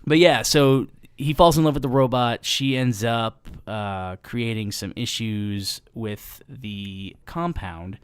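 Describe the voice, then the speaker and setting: Slow and with few pauses, this co-host's mid-range voice comes across clear and resonant in a clean studio recording with no echo. He meanders through a film's plot on a casual podcast, often saying um, starting over and laughing readily.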